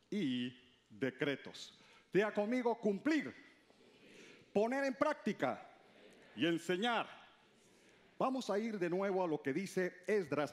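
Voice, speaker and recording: A man, a pastor, preaching a sermon. He reads scripture aloud and calls on the congregation to repeat key words after him. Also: high-pitched.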